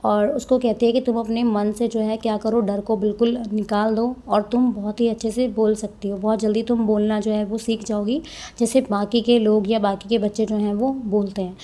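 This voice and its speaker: A woman teacher, reading passages slowly and explaining them in a Hindi-mix, often adding tag questions. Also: medium pitch, little pitch movement, warm tone. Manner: reads English lines slowly, then explains in Hindi-English mix. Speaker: English teacher. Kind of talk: explaining a textbook chapter, reading passages aloud.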